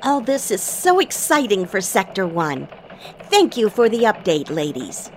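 A woman's voice: medium pitch, big pitch swings, measured pace, slight background noise. A woman playing a female elf radio news anchor, reading in an enthusiastic newsreader manner. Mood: upbeat. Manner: bright, enthusiastic newsreader delivery. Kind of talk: scripted radio news parody.

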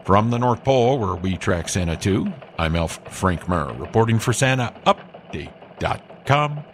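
A man plays a Christmas elf anchoring a mock radio newscast. The voice is low, earnest and formally polite. Faint noise sits behind it. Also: lively intonation, unhurried. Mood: courteous. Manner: formal newsreader courtesy. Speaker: news anchor.

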